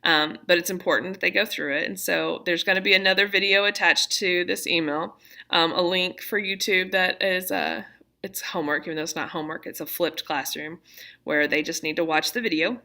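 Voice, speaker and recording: A woman's voice: lowish voice, fairly even intonation, a little fast, creaky, sharp tone. A woman teacher talking casually to parents from her classroom, chatty, laid-back and reassuring. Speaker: middle school teacher.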